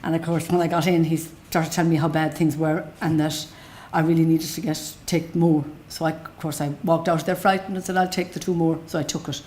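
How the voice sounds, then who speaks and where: Low, mellow west of Ireland woman. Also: little pitch movement, a little fast, hardly any pauses. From Galway, west of Ireland. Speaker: patient telling their own story. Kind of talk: unscripted personal account.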